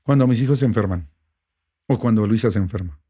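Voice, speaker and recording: A middle-aged man with a Bogotá Colombian accent, a radio journalist telling a personal story in an interview, emotional and animated, with many restarts. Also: on the low side, fast talker, husky. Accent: Bogotá Colombian Spanish. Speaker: radio journalist and station director.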